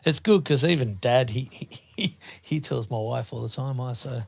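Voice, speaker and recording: A man's voice: medium pitch, moderate pace, gravelly, dry recording. A man speaking as a podcast guest in earnest, casual chat, often adding "you know". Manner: earnest, repeats "you know", animated when quoting dialogue.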